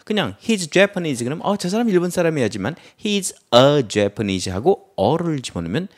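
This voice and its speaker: A man's voice: on the high side, big pitch swings, normal speed. A man teaching English vocabulary, explaining word roots and acting out example sentences with playful memory tricks. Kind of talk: lively vocabulary lecture.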